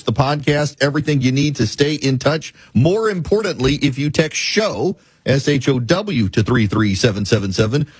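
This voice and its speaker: A man's voice: mid-range voice, breathy edge, dry recording. A middle-aged man from the American South hosting a talk radio show, folksy and sarcastic.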